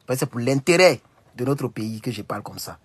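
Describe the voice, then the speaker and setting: A young man with an Ivorian French accent holds forth on a casual livestream, lively and rhetorical, firing the same question back several times. His voice is husky and a little breathy. The sound is dry and close, with no room around it. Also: medium pitch, brisk, no room sound. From Côte d'Ivoire. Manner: animated, rhetorical, repeats questions. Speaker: livestream host.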